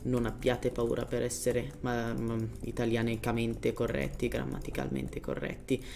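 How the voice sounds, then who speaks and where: A man's voice: medium pitch, normal speed, vocal fry. Man giving casual game tutorial commentary. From Germany. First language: German. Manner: informal, searches for words in Italian, drops in English terms. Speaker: gaming tutorial host.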